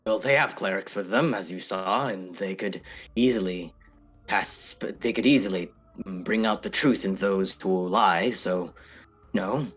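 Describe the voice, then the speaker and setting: A prim, self-righteous adventurer answers with wounded politeness, as a man voices him. His voice sits a little low and keeps its proper manners. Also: measured pace, a bit bright, husky, faint music behind, exaggerated voice. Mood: earnest.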